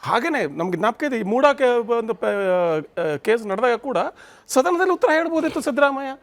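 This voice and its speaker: A man's voice: extremely high pitch, sing-song, normal speed. A man with a Kannada accent, a senior political analyst, arguing emphatically in a TV debate and slipping into English phrases. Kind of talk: debate commentary.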